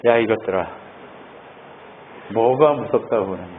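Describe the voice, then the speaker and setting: A man voicing Jesus who speaks to his frightened disciples in a low, mild, dismissive way. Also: expressive, moderate pace, natural voice. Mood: scolding. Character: calm, unbothered Jesus scolding his disciples. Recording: tinny phone-like sound, faint noise.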